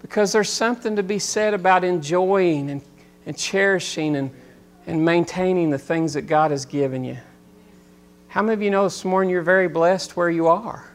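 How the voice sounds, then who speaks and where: A man in his forties preaching a sermon as pastor, rising loud and intense at times, then dropping into quiet, reflective talk. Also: high voice, normal speed. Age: 40s.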